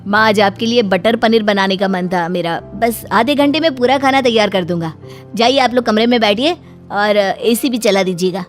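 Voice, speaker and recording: Brief: a woman doing a soft-spoken tired young husband in a cartoon story, faint music behind. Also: mid-range voice, moderate pace, close to an everyday voice. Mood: mild.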